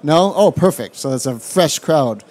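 A man's voice: fairly high pitch, expressive, a little slow, darkish tone. A man with a mixed Jamaican and Canadian accent gives a live presentation to an audience at an event, casual and joking, with plenty of fillers. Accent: mixed Jamaican and Canadian English. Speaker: rum brand ambassador giving a presentation. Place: event hall.

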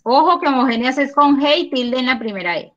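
A woman teaching a primary school math class over a video call, patient and encouraging, counting aloud slowly. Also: sits high, lively intonation, a bit bright, lo-fi sound. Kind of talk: online class. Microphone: computer mic on a video call.

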